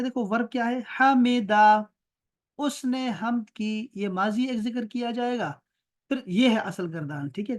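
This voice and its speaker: A man with an Urdu accent leads an online grammar lesson. He explains patiently and slows right down to chant verb forms one by one. He often stops to check that his student understands. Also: high-pitched. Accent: Pakistani Urdu. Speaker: Arabic grammar teacher.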